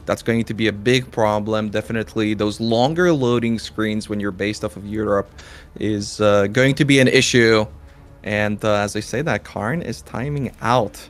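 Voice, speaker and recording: A man co-commentating an esports race, giving lively, upbeat play-by-play with some fillers. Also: lowish voice, normal speed.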